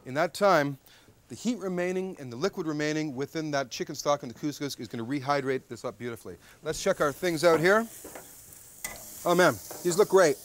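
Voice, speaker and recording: Jokey man hosting an outdoor grill show. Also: a little high. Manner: joking, chatty, keeps asking "okay?". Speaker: cooking show host. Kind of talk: jokey TV cooking demonstration. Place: outdoor backyard grill deck.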